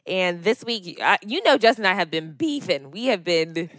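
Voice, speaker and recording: A young adult woman co-hosting a casual podcast, telling a story in an animated, emphatic and exasperated way. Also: fairly low pitch, normal speed, no room sound, clean studio sound. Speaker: podcast co-host. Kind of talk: casual chat.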